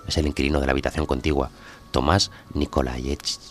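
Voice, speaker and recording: A man's voice: extremely low pitch, little pitch movement, fairly quick. A man reading a story aloud, expressively voicing the characters' lines. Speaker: narrator.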